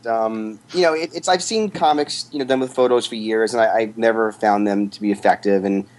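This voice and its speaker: Low-voiced man explaining at length. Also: a little fast. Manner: rambling, thoughtful explanations. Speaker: guest, photographer. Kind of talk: casual podcast interview.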